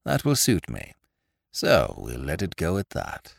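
A man voicing a cool, sardonic gentleman gambler who drawls his insults. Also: low-pitched, huge pitch swings, a little slow, gravelly, no echo, studio quality, pitched below the performer's own voice, heavily acted.

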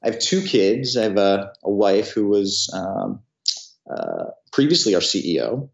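Founder guest in his 30s, lower voice, hesitant, in a roomy room. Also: sing-song, unhurried, creaky. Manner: hesitant, full of fillers and restarts. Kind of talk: interview answers. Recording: roomy, dull audio.

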